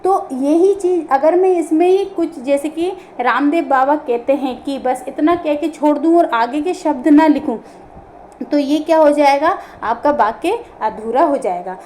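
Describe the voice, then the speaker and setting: A woman with a high voice gives an online grammar lesson. She works through each point step by step, asking a question and then answering it herself. There is faint ambient noise in the room behind her. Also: unhurried, warm tone. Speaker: teacher.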